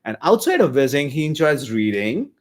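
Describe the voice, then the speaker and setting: A man's voice: on the high side, big pitch swings, normal speed. A man hosting an online meetup on a video call, introducing the next speaker in a chatty, joking way with fillers.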